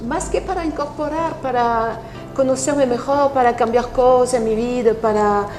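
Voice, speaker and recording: A woman with a French accent, her native tongue French, speaks Spanish in a fairly high voice, explaining at a thoughtful pace with small pauses and restarts. The room rings with echo, and music plays clearly behind her. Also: fairly even intonation. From France. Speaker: guest, NLP practitioner. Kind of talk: interview conversation.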